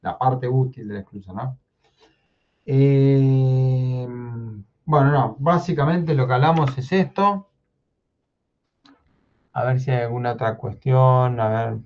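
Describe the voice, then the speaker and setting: A man's voice: mid-range voice, slow, long pauses. Man lecturing over dull lo-fi audio. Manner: explanatory, checks in with frequent "¿sí?". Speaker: university lecturer. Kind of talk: technical lecture.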